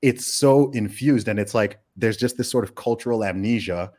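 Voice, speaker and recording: This podcast host, UK-born and brought up in Saudi Arabia, keeps a casual conversation going at a moderate pace with a voice on the low side. He sounds animated and emphatic, asks plenty of rhetorical questions, and frequently starts over mid-thought.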